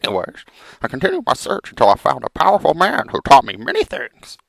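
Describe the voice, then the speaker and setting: A man voicing a melodramatic, vengeful frog hero in theatrical comic storytelling, with a gravelly cartoon-like voice. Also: medium pitch, huge pitch swings, a little fast, full character voice. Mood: mournful storytelling. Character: melodramatic, vengeful male frog hero telling his journey.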